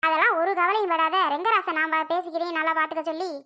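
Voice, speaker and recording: Woman voicing a reassuring young friend, very high bright voice, coaxing, cartoon. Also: steady tone, fast talker. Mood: soothing. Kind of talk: cartoon voice acting.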